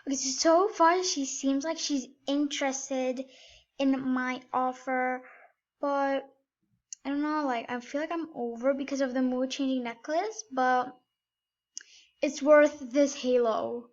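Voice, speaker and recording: A woman talking over her gameplay in a casual vlog, excitable and full of fillers. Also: high voice, unhurried, lo-fi sound. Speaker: gaming vlogger.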